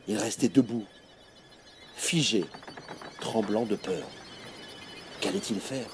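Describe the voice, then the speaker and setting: A man narrating a story in a lively, dramatic storytelling manner. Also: medium pitch, noisy background. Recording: music playing behind.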